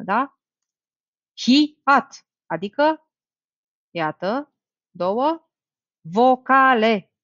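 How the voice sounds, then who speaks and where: A woman's voice: medium pitch, no echo, highs cut off. A woman teaching an exam-prep language lesson, talking straight to her students and thinking aloud as she works through answers. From Romania. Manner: lively, talks to students directly, thinks aloud.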